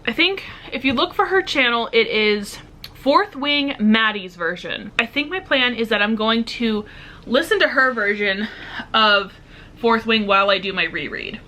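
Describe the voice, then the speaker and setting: Young woman, casual vlog chat, rambling, self-deprecating, bright clear tone, at home. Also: fairly high pitch, lively intonation, measured pace. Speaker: book vlogger. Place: home room indoors.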